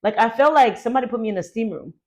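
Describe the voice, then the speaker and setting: A young adult woman telling a personal story to her vlog audience in a chatty, animated way, full of "like". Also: fairly high pitch, very fast. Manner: chatty, animated, heavy use of "like". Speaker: YouTuber.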